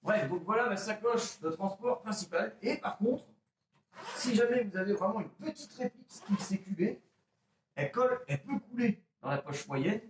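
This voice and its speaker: A chatty man shows off his kit, talking straight to his viewers and joking at his own expense. His voice sits a little high for a man. The sound is roomy, and he is heard from some distance off the mic. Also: lively intonation, moderate pace, slight background noise. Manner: chatty, addresses viewers as "les gars", self-mocking. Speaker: airsoft gear vlogger. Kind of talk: casual gear show-and-tell. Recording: roomy echo, mic a bit far off.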